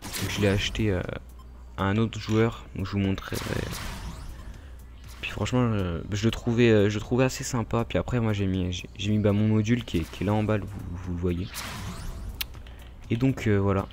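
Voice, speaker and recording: A French-accented man chats loosely over his gameplay, stopping and restarting his sentences and talking straight to his viewers. His voice sits a little low for a man. The talk stays relaxed and unscripted throughout. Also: normal speed, long pauses, soft background music. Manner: rambling, filler-heavy, addresses viewers directly. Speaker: gaming YouTuber. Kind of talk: casual gameplay commentary.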